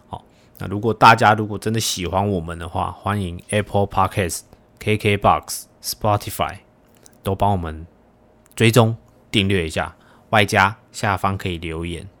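A young man hosting a casual podcast chat, animated and teasing, swearing casually. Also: low-pitched, normal speed. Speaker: podcast host.

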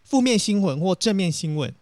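A young man with a Taiwanese Mandarin accent telling a story in casual chat, animated and self-dramatizing, laughing as he goes. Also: high voice, fairly quick, no echo.

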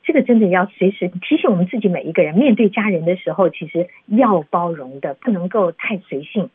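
Husky Taiwanese woman co-hosting radio. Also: lowish voice, animated, brisk, no room sound. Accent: Taiwanese Mandarin. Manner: reflective, prompting with questions and short agreements. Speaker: radio co-host. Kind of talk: conversational radio interview. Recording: thin phone-like radio sound.

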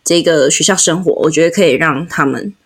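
A woman's voice: sits low, a little fast, a crowd in the background. A woman, an elementary school teacher chatting on a podcast and often laughing as she retells classroom scenes. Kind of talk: casual chat about a picture book.

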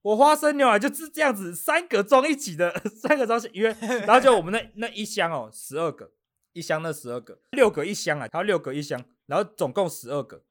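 A man's voice: high voice, quick pace. A man with a Taiwanese Mandarin accent telling a story in casual chat, acting out what people said and laughing often. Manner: animated, acts out quotes, laughs often. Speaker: podcast guest.

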